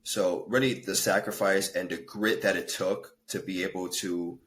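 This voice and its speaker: A Peruvian-born man in his thirties, raised in the States, works as a fitness and life coach and earnestly tells his story as a guest on a casual podcast, with fillers and self-corrections. His voice is deep and a bit bright, with a steady tone and a moderate pace.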